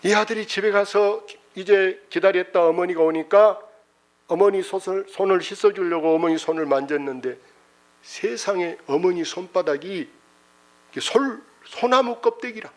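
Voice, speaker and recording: A middle-aged pastor delivers a sermon through a folksy, emotional story. He is full of exclamations and speaks in a slightly high male voice. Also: normal speed.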